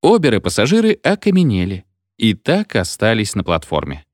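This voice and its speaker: A man reading a satirical story aloud as narrator, with expressive storytelling. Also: on the low side, moderate pace, no room sound, clean studio sound.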